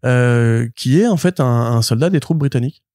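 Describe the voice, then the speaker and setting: A man co-hosting a comics podcast, retelling a plot in an animated, rambling way full of fillers and restarts. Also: medium pitch, normal speed, no room sound, clean studio sound. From France. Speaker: podcast co-host, comics reviewer. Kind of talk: casual podcast chat.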